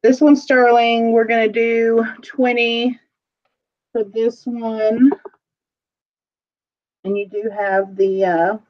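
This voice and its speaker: A woman's voice: a little high, little pitch movement. Chatty woman on a muffled stream. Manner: chatty, rambling, quick to laugh. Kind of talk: casual live-stream chat.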